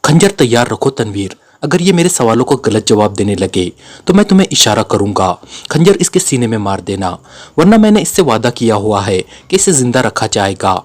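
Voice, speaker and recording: A man's voice: mid-range voice, big pitch swings, moderate pace. A man voicing a cold, commanding secret agent in a spy story read aloud. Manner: cold, serious delivery.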